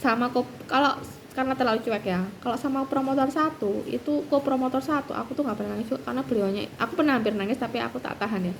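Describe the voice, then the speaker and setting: A woman's voice: quick pace, creaky, a little hiss or hum, rough recording. A woman, chatting casually as a vlogger about her doctoral studies, with lots of fillers and restarts. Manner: lively, acts out quoted voices at a higher pitch. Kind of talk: casual storytelling.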